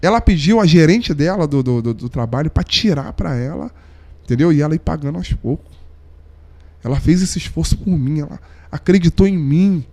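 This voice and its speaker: A man's voice: on the high side, animated, moderate pace, mellow. Heartfelt man. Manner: slangy, heartfelt, drops to near-whisper at moving moments. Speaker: podcast guest, saxophonist. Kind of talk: emotional storytelling in casual chat.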